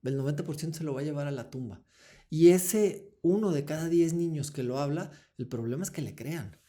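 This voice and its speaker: A man's voice: fairly high pitch, brisk, warm tone. A man, founder of a foundation, explaining earnestly as an interview guest. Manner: explanatory, acts out short dialogues with children.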